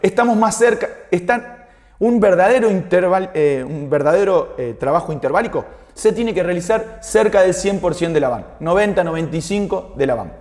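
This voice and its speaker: A man's voice: high-pitched, lively intonation, normal speed, a little mellow. A man giving an explanatory lecture as a fitness instructor, didactic and often checking that listeners follow. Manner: didactic, checking understanding with short tag questions. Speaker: fitness instructor teaching a class.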